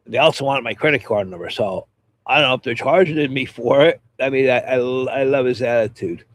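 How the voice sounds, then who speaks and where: A man's voice: medium pitch, fairly quick. Rambling man with a head cold. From Pennsylvania. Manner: rambling, repeats words, friendly. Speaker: DJ and channel host; talking gear with viewers. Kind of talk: casual livestream chat.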